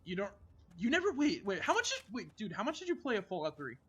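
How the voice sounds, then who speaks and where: A man's voice: high voice, huge pitch swings, fast talker, fairly bright tone, husky. A man streaming a game, chatting casually and rambling with lots of filler words and restarts. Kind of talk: casual gaming chat.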